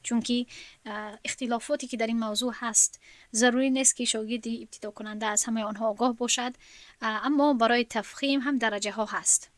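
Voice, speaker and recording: A woman teaching a Quran recitation lesson, explaining each rule step by step and sounding out letters slowly and loudly as examples. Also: a little high, dry recording. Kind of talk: recorded tajweed lesson.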